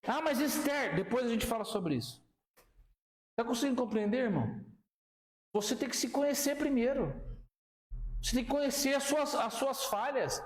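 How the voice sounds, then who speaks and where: A man preaching a sermon, animated, often asking the congregation questions. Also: extremely high pitch, moderate pace, pauses often, reverberant.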